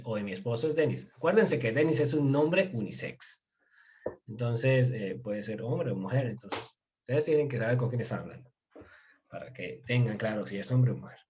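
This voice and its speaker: A man giving a relaxed, casual language lesson, explaining slowly and sounding out words bit by bit. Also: mid-range voice, highs cut off. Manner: relaxed, chuckles now and then. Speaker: Turkish language teacher.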